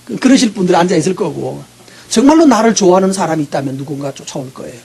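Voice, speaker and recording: A middle-aged male pastor preaching, quizzing his congregation with quick, teasing questions. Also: high-pitched, lively intonation, creaky, darkish tone, slightly rough. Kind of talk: interactive sermon.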